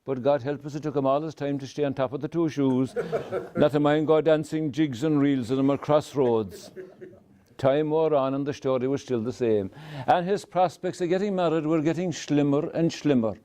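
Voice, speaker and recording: Lilting Kerry Irish storyteller, a mellow man. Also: on the high side, steady tone. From County Kerry, Ireland. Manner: lilting, wry, dramatic pauses. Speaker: traditional storyteller. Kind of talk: oral folk storytelling to a live audience.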